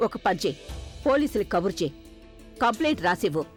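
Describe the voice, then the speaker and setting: A woman's voice: medium pitch, very animated, fast talker, soft background music, close to an everyday voice. A woman dubbing a tender older grandmother in a TV serial, coaxing and comforting. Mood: soothing. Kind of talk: dubbed TV serial drama.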